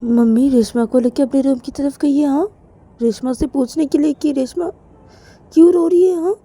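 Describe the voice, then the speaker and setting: A woman's voice: high voice, normal speed, dark tone, pitched above the performer's own voice, lightly acted. A woman voicing a frightened young woman who frets and repeats herself while dreading her angry mother. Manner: panicky, fretful, repeating herself. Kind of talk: storytelling in voices.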